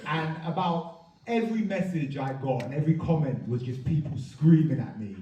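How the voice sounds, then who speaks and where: A man doing a crude, mocking stand-up set before a laughing crowd, dropping to mutters and bursting into loud outbursts. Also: on the high side, animated, moderate pace, heavy background noise. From England. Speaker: stand-up comedian. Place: comedy venue with a live audience. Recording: echoey room mic'd from a distance, loud crowd laughter.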